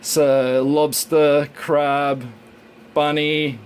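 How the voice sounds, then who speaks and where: A man's voice: on the high side, flat delivery, very slow, a little hiss or hum, poor audio. A man from Hong Kong who grew up in Australia, chatting casually and rambling as he cooks and answers viewer questions in a home kitchen. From Hong Kong, raised in Australia. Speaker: live streamer. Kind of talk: casual chat while cooking. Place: home kitchen by a hot stove.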